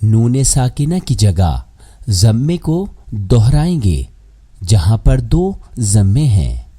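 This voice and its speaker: A man teaching Quran pronunciation rules in a measured, scripted lesson. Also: fairly low pitch, very animated, dark tone, breathy edge.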